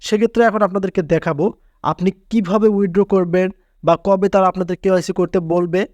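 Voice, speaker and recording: A man's voice: high voice, fairly even intonation, fast talker, a little mellow, dry recording, muffled recording. A man hosting a screen-recorded app tutorial, talking insistently and stressing his points with repeated filler words. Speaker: tutorial channel host.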